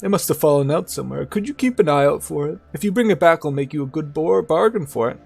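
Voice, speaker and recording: A man's voice: a little high, animated, fast talker, vocal fry, a little mellow, soft background music, pitched above the performer's own voice. A man voicing an amiable, chatty old scavenger from a video game in a folksy old-timer manner. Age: older. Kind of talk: video game dialogue read in character.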